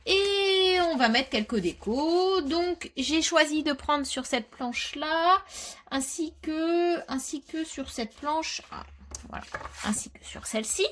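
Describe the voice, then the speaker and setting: A woman presenting a casual step-by-step scrapbooking tutorial, chatting as she works and dropping into quiet muttered asides. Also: a little high.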